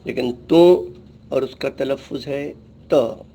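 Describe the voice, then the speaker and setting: A man's voice: medium pitch, fairly even intonation, takes it slowly, darkish tone. A middle-aged man teaching an alphabet lesson, patiently naming each letter and repeating its sound. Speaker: Urdu teacher.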